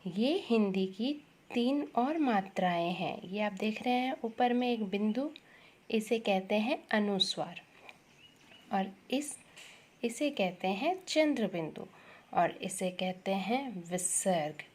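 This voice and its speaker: A woman teaching Hindi grammar to young children, slowly repeating words and asking questions to the class. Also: medium pitch, lively intonation, darkish tone. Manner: slow, repeats words and asks questions to the pupils.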